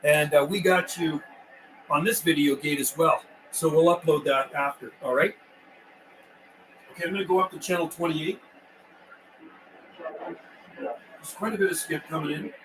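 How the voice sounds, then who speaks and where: Here a slightly high, somewhat bright male voice moves at a normal speed with frequent pauses. The older man is a CB radio operator calling out and chatting casually on a livestream, folksy and full of repeated radio lingo. Faint noise sits under a roomy, far-off mic.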